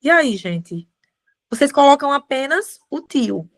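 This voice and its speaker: A woman teaches a writing class, talking students through the rules in a friendly, chatty way. Her voice sits a little high, and she keeps checking in with the students as she explains. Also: big pitch swings, measured pace. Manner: chatty, addresses students as gente, many tag questions. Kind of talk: live class lecture.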